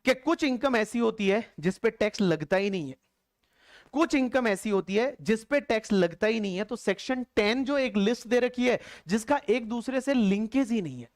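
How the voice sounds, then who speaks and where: A man's voice: sits high, expressive, moderate pace, dry recording, studio quality. A man teaching tax law in a classroom lecture, colloquial and explanatory, who quizzes the class and repeats the answers aloud.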